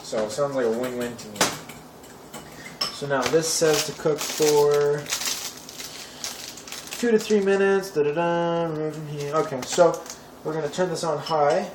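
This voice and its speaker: In his home kitchen, a young cooking show host chats in an offhand way, dropping wry asides. His voice is fairly high and unhurried, with frequent pauses. The sound is echoey and noisy from a far-off camera mic, and pots and cutlery clatter behind him.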